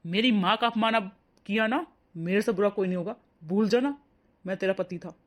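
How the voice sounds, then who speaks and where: A voice actor playing a young husband and protective son in a cartoon, loud and scolding. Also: mid-range voice, normal speed, close to an everyday voice. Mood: angry. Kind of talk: cartoon voice acting.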